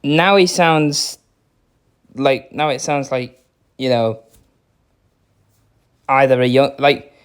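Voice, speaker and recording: A man's voice: mid-range voice, slow pace, long pauses, smooth. A young man casually demoing a phone's settings, rambling and unsure, with many fillers. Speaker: phone reviewer. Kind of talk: casual screen-recorded demo.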